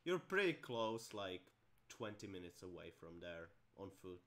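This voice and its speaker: A man narrating a tabletop game as game master, improvising in a halting way as he searches for words. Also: low voice, very animated, a bit bright.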